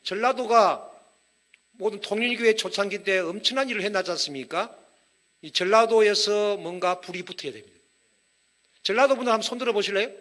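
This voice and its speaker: A man preaching a lively sermon, joking with wordplay and calling on the congregation to raise their hands. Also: sits high, a little fast, pauses often. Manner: energetic, humorous, with wordplay and audience prompts. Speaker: pastor. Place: church hall.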